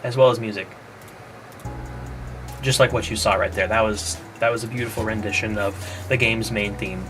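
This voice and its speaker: With long pauses and a steady tone, a man with a lowish voice talks at normal speed while playtesting his game. His casual think-aloud dev stream has music underneath, and his thoughts often trail away unfinished.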